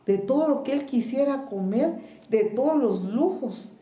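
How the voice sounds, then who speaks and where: A woman pastor with a Guatemalan Spanish accent, preaching a sermon in a slow, measured way with pauses and repeated words. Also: sits high, expressive, mellow, reverberant. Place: church.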